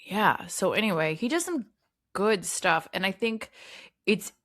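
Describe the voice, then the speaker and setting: A woman co-hosting a film podcast speaks in a mid-range, slightly bright, sing-song voice at an unhurried pace. She's chatty and profane, swearing freely and making jokes at her own expense.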